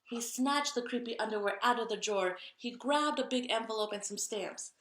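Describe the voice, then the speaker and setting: A woman reading a picture book aloud to young children, expressive and chatty, with asides to her listeners. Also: on the high side, moderate pace, echoey room, slight background noise. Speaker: read-aloud storyteller.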